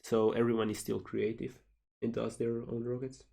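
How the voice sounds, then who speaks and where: A man's voice: mid-range voice, flat delivery, moderate pace, vocal fry, warm tone. A man from Slovenia, a game developer casually reading out and answering questions on a livestream.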